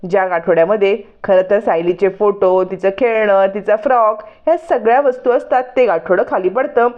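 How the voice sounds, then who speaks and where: A woman's voice: mid-range voice, moderate pace, phone-quality sound. A woman retelling a television serial episode in a casual storytelling way, voicing each character's lines herself. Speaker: serial recap narrator.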